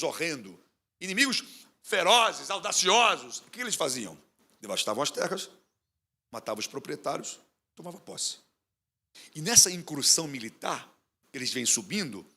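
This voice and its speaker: Brief: passionate man preaching, high and animated, questioning his congregation. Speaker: pastor. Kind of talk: sermon.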